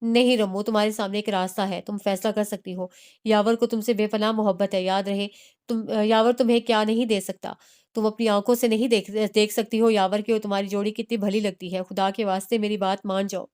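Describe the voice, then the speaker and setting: A woman's voice: mid-range voice, little pitch movement, darkish tone, clean tone, close to an everyday voice. A woman reading the part of a persuasive young woman who coaxes her friend to leave her husband. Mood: coaxing. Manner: coaxing, insistent.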